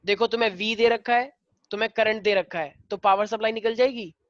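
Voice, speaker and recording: A man's voice: high voice, steady tone, brisk, fairly bright tone, dry recording, dull audio. Hindi-teacher man quizzing his class. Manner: mixes Hindi and English, drills students with questions. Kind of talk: online class problem-solving.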